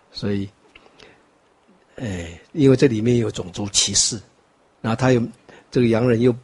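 A man's voice: mid-range voice, a little mellow, husky. Older Taiwanese man giving a dharma talk. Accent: Taiwanese Mandarin. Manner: rambling, many fillers and asides, wry. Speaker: Buddhist teacher.

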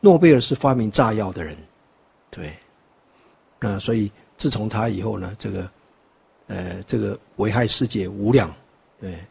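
A man's voice: on the low side, expressive, moderate pace, gravelly, pauses often, a little mellow, breathy edge. An older man from Taiwan with a Taiwanese Mandarin accent, giving a rambling Buddhist teaching talk full of fillers and wry asides. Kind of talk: dharma talk lecture.

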